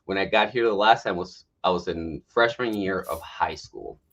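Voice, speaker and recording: A man in his thirties with ties to both Mexico and the US, a health coach, appears as a podcast guest over a remote online livestream call, telling his story candidly and casually. His voice is low-pitched yet a bit bright, at normal speed. The audio sounds dull, with a little hiss or hum.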